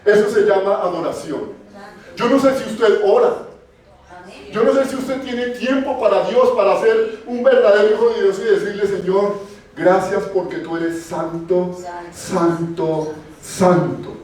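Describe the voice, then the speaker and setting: High-voiced preaching man in an echoey church. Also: lively intonation, moderate pace, a little mellow, far from the mic. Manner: preaching, asking the congregation questions and repeating key phrases. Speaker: pastor. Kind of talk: sermon.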